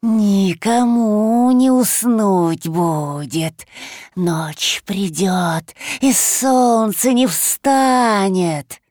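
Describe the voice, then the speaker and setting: A woman voicing a ravenous, hissing ancient forest creature that drags out its words slowly. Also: a little mellow, no room sound, studio quality. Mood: ominous. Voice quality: hissing, booming. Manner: slow, drawn-out words.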